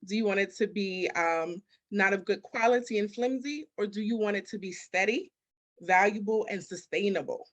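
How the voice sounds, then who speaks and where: This woman has a mid-range voice at normal speed. Guesting in an interview as a business architect and mindset coach, she answers conversationally and motivationally, emphatic, repeating points and posing rhetorical questions.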